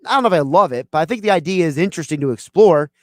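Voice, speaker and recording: A man's voice: a little high, lively intonation, very fast, no room sound, clean studio sound. A man hosting a sports talk radio show, thinking aloud in a conversational way. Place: radio studio.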